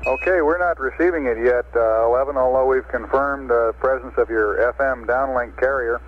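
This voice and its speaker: American mission controller on tinny radio. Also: male voice, medium pitch, moderate pace. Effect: radio transmission. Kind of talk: procedural radio communication. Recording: tinny, hissy 1960s radio link. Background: static and radio beeps.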